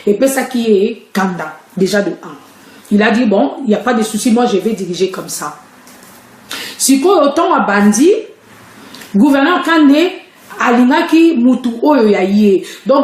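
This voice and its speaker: Woman, fairly high voice, roomy echo, casual live stream from home. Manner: chatty, explanatory, hesitant. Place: at home, indoors.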